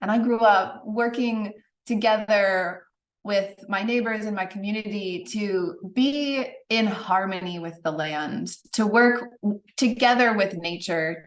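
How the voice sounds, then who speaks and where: A woman from the United States moderating an online panel over a video call, welcoming each speaker. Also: medium pitch. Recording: roomy, distant from mic.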